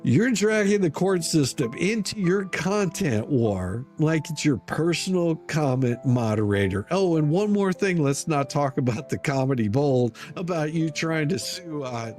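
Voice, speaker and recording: Over background music, an online commentator reads an open letter aloud in a dramatic, scathing, mocking style, theatrical and laced with profanity. His slightly high voice is expressive and a little mellow, delivered at a measured pace.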